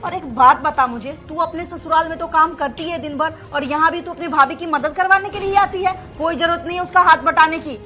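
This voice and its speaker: A woman playing a loud scolding mother-in-law. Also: extremely high pitch, fairly quick, hardly any pauses. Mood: defiant. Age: 50s. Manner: scolding, loud, sharp-tongued. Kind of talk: family drama acting.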